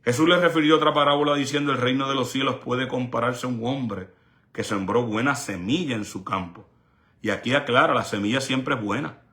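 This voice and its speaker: A man's voice: mid-range voice, a little fast, pushed and bright. A male evangelist delivering a sermon with an emphatic, repetitive preaching cadence.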